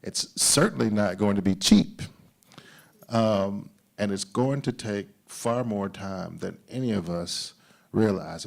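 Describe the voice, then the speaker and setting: Panelist, male, deep gravelly voice, earnest and emphatic. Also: a little mellow. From United States. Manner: earnest, emphatic, repeats phrases. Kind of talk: panel discussion.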